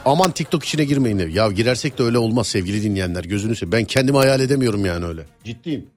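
A man's voice: lowish voice, very fast, dry recording. A man hosting a radio show in a casual, teasing, rambling way as he chats and reads out listener messages. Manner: animated, teasing, rambling conversational delivery. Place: radio studio. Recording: music bed behind the voice.

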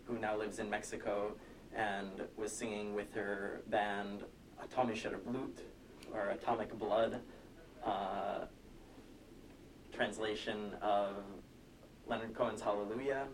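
An American man telling a story as an interview guest, measured and articulate, on a telephone connection. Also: fairly low pitch, flat delivery. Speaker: interview guest, singer and songwriter. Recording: distant, noisy phone connection.

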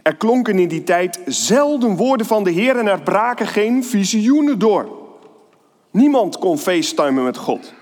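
A man giving a lively, playful children's sermon in church and reading a Bible story aloud. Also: high voice, unhurried. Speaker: pastor. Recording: long hall reverb.

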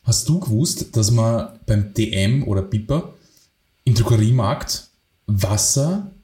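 Ein Mann mit Wiener Akzent, Co-Moderator eines Podcasts, erzählt lebhaft und lachend Anekdoten. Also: male voice, fairly low pitch, measured pace, echoey room. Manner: animated, laughing while telling anecdotes. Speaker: podcast co-host. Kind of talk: casual storytelling.

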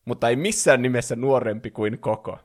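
A man reading a fan fiction story aloud in a playful way, acting out the characters. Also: mid-range voice.

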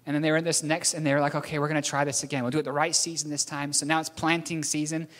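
Long reverb fills the hall as a man from New Zealand races through a story-based sermon, very fast, in a level, slightly high, somewhat bright voice. He drifts off track a little and chuckles when he corrects himself.

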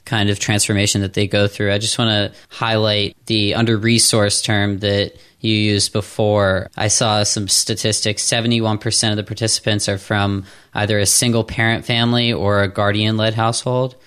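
Low-voiced earnest male interviewer. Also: flat delivery, normal speed, few pauses, a bit bright, clear, resonant tone. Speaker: podcast co-host. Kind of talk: interview questions.

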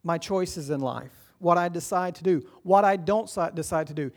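A man preaching a sermon as pastor, earnest and encouraging, swinging between loud urging and quiet, hushed lines. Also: a little high, normal speed. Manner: earnest, encouraging, rises and drops in volume.

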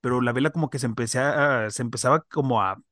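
A man's voice: medium pitch, fast, a bit bright, no room sound, clean studio sound. A man, a podcast co-host, chatting casually and telling a story in loose slang.

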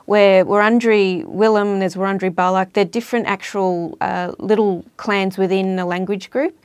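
A woman who is a guest on an interview, explaining things in a measured way with fillers, recorded in a studio. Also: mid-range voice, a little mellow, smooth, dry recording. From Victoria, Australia. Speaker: guest, language and culture worker.

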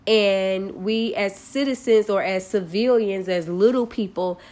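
A young woman talking in a blunt, animated and profane way, in casual chat as a podcast co-host. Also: mid-range voice, unhurried.

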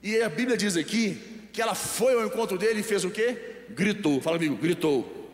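A Brazilian man preaches in a high voice, quizzing his congregation and leaving gaps for them to fill in. His voice rings through a large church hall with a long echo. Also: animated, normal speed. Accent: Brazilian Portuguese. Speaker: pastor. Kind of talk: live sermon.

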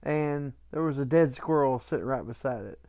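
A man's voice: medium pitch, normal speed, warm tone. A man co-hosting a podcast with folksy, colloquial phrasing, trading casual banter and telling stories. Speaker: podcast co-host.

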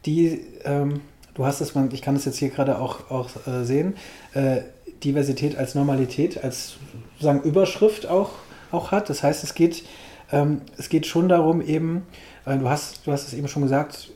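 A man hosting an interview, asking questions in a halting way and searching for words. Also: a little high, mellow, echoey room. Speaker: podcast host, interviewer. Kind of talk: casual interview.

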